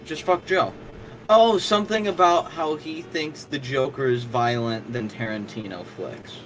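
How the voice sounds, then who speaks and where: A man's voice: medium pitch, a little slow, noisy background. A young man co-hosting a podcast, blunt and mocking in casual banter. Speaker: podcast co-host.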